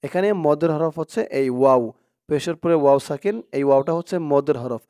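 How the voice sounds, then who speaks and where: A man teaching Quran reading, spelling out letters and vowel marks one by one, then chanting the Arabic words in a drawn-out, louder voice. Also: on the high side, clear, resonant tone, no room sound, studio quality. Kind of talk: slow spelling-out recitation lesson.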